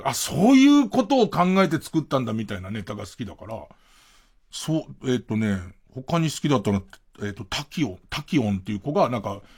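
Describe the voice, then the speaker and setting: A man's voice: fairly high pitch, slightly rough. A man hosting a late-night radio show, rambling casually and thinking aloud with chuckling asides. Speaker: radio host.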